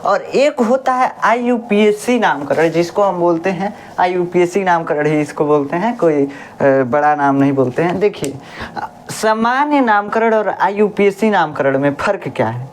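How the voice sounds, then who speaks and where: A woman's voice: lowish voice, lively intonation, normal speed, slight background noise. A woman science teacher, explaining a lesson in a chatty, homely way. She keeps asking questions, answering them herself and repeating the key words. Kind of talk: classroom-style lesson.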